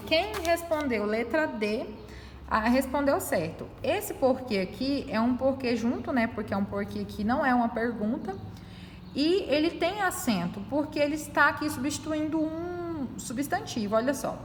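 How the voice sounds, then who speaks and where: A woman teacher with a high voice goes over a graded test one answer at a time. She explains each point patiently and keeps checking in with her students. Her voice rings with a long reverb, as if recorded in a hard-walled room. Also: a little hiss or hum. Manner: patient, explaining step by step, frequent tag questions.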